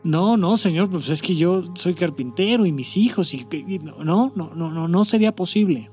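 A poor, humble carpenter with a Mexican accent hems and stammers through his words, as a man plays him in a told story. His voice sits a little high, with faint music behind. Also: expressive, normal speed, darkish tone. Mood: hesitant. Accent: Mexican Spanish. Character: poor, hesitant male carpenter.

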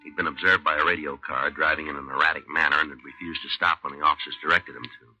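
Very deep, clipped deadpan American detective. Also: male voice, quick pace, faint music behind, exaggerated voice, low-quality recording. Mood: dry reporting. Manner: terse, matter-of-fact, deadpan. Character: weary, tough, clipped male police detective and narrator. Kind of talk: 1950s radio police drama acting.

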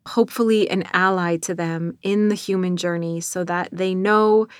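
A woman's voice: medium pitch, dry recording, studio quality. A middle-aged woman with a North Dakota accent, speaking sincerely and reflectively in an interview about her own work as an author. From North Dakota, United States. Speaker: author and narrator of own audiobook.

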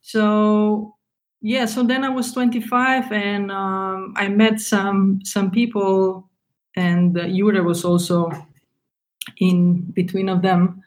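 A woman's voice: medium pitch, level tone, a little mellow. A woman from Slovenia in her thirties, a tennis coach, talking casually as an interview guest and stopping now and then to find her words. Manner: halting, searching for words, non-native English.

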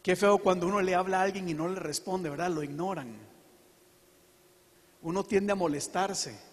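A man preaching a sermon to his congregation, earnest and emphatic, with slow dramatic pauses. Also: high-pitched, in a large hall. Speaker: pastor.

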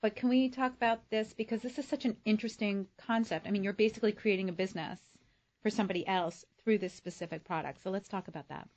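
A woman's voice: medium pitch, steady tone, darkish tone. A woman co-hosting a radio food talk show, chatty and encouraging toward her guests. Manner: quick, chatty, encouraging with many backchannels. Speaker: co-host.

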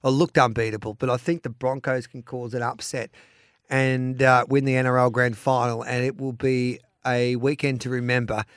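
Male podcast host, Australian, mid-pitched voice, casual betting talk in a dry studio-like sound. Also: little pitch movement, normal speed, clean tone, dry recording. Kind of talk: casual sports betting chat.

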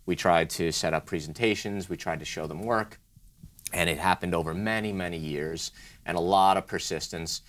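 A man with a deep voice talks as a guest in an interview. He is conversational and explanatory, laying out his story step by step and often piling up short lists. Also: normal speed, fairly bright tone. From Brooklyn, New York. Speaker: interview guest, design studio co-founder.

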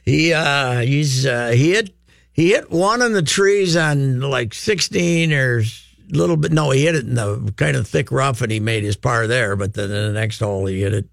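A man hosting a sports radio show, blunt and animated, sometimes raising his voice to make a point. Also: medium pitch, normal speed, vocal fry, no echo, studio quality. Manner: blunt and animated, rising to shouts when making a point. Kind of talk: opinionated sports talk.

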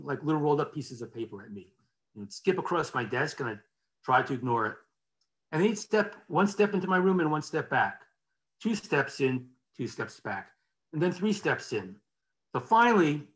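A man's voice: on the high side, a bit bright. A man giving a conversational policy lecture from slides, often restarting phrases and checking in with the audience.

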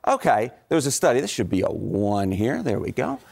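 A man on a morning news show, walking through statistics with quick enthusiasm and frequent "right?" tags. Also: mid-range voice, wildly swooping pitch, vocal fry, a little mellow, breathy edge. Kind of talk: explaining statistics on live TV.

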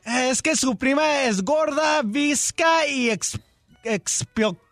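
A man's voice: extremely high pitch, takes it slowly, a bit bright, no room sound, faint music behind. A man on a radio comedy show telling a joke with a hesitant, stumbling delivery.

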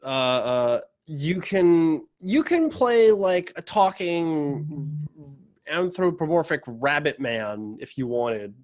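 A man's voice: fairly high pitch, expressive, slow pace. A man with a slightly raised voice, chatting and explaining at length. He fills his sentences with hesitations and restarts. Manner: rambling, explaining, many fillers. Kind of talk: casual chat.

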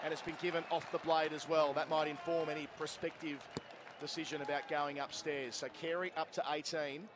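Here the commentator's pitch sits fairly high, his tone stays level, and he moves along briskly as he describes play in quick running phrases for radio. The outdoor ground's crowd is clearly audible.

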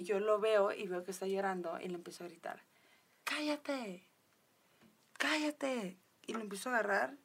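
A woman with a Mexican accent, a podcast guest telling a personal story in a casual, chatty way, full of fillers and quoted dialogue. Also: medium pitch.

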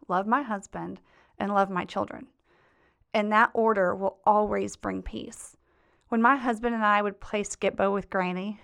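Smooth-voiced woman hosting a heartfelt podcast. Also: mid-range voice, a bit bright. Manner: heartfelt, reminiscing, faith-filled. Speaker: podcast host and life coach. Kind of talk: casual podcast monologue.

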